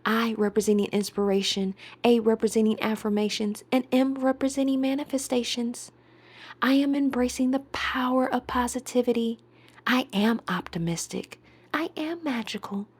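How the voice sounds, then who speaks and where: With a fairly high-pitched voice, a woman leads a guided meditation at a calm, deliberate pace. Her words end on a soft, breathy whisper.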